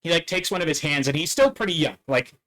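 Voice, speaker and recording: A man narrating a tabletop game as dungeon master, halting and full of fillers and restarts. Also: on the high side, animated, fairly bright tone, low-quality recording.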